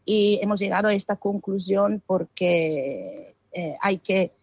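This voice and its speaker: A woman's voice: mid-range voice, takes it slowly, a little mellow, slightly rough, no echo, highs cut off. A woman from Italy, answering interview questions expressively with frequent hesitations. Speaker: guest, arts festival founder.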